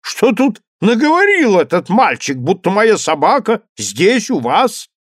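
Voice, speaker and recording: A man's voice: sits high, huge pitch swings, unhurried, breathy edge, no echo, clean studio sound, pitched above the performer's own voice, full character voice. A man voicing a blustering, domineering old duke who puffs and bellows. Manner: wheezing, bellowing, puffing.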